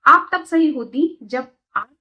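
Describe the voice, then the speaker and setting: A woman's voice: sits high, slow, bright, forceful tone, poor audio. A woman vlogger giving opinionated, chatty commentary and mixing English phrases into her talk.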